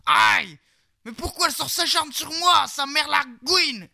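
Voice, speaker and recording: A man voicing a hot-headed male noble knight who bursts out in shouted swearing. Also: very high-pitched, normal speed, creaky, full character voice. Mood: cursing rage.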